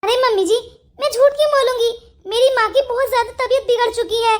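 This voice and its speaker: Woman voicing a scheming young wife, very high. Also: fast talker. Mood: pleading. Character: scheming young wife, sweet-talking liar. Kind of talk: Hindi cartoon voice acting.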